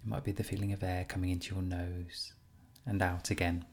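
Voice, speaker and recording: A man leading a guided compassion meditation as a teacher, speaking in a gentle, soothing, unhurried way with pauses. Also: low-pitched, flat delivery.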